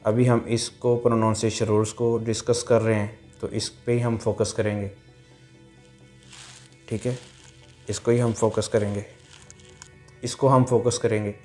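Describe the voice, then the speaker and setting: A man teaching a language lesson, explaining pronunciation rules patiently, repeating each point and sounding out syllables slowly. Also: on the low side, little pitch movement, a little mellow, faint music behind.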